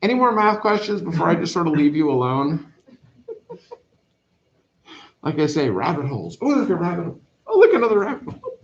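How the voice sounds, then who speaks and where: A middle-aged Canadian math teacher rambles casually to his class in a whiteboard classroom, sounding chatty and self-deprecating. His voice sits on the high side with huge pitch swings, a slightly fast pace, and long pauses. A camera across the room captures it, so the recording is roomy and dull.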